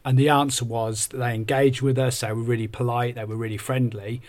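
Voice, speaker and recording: A man's voice: mid-range voice, little pitch movement, a little fast, darkish tone. A man co-hosting a podcast conversationally, explaining ideas with examples like an upbeat life coach. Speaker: podcast co-host and workshop coach.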